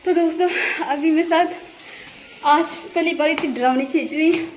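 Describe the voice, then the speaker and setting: A woman's voice: high-pitched, steady tone, normal speed, darkish tone, slight background noise. A woman vlogging on her phone camera, chatting casually and laughing as she retells a scare, first walking outside at night and then at home. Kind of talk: casual vlog chat.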